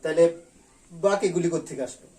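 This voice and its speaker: A male school teacher from Bangladesh giving an online grammar class, repeating key sounds slowly and drilling them. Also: a little high, fairly even intonation, warm tone.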